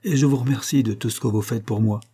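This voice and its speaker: Man doing a shy young guy, respectful, hesitates, soft husky voice. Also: medium pitch, fast, close to an everyday voice. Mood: hesitant. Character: timid, devoted young man.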